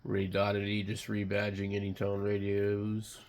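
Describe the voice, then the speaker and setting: Gravelly, slow-talking sick man muttering casually. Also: on the low side, completely flat delivery. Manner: muttering, unscripted, halting, blunt. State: sick, occasional coughing and throat clearing. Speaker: radio hobbyist vlogger. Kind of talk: casual rambling commentary while browsing online.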